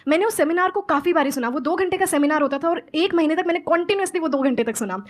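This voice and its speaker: This is a young woman from Haryana with a high, light voice, answering questions on stage with earnest conviction. She moves easily between Hindi and neatly spoken English sentences, sounding like a practiced motivational speaker addressing a room. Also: quick pace. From Haryana, India. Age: 20s.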